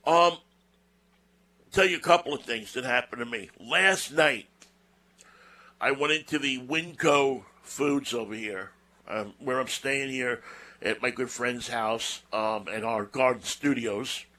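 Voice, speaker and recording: A man's voice: mid-range voice, unhurried, pushed and bright. A man hosting a show, telling a personal story in a casual, rambling monologue with folksy asides and repeated words. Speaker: show host.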